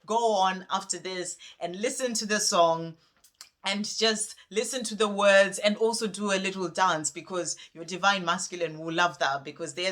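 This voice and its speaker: A woman chatting casually on a spiritual vlog, rambling and gentle as she talks through a song and pulls cards. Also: medium pitch. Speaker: spiritual card reader.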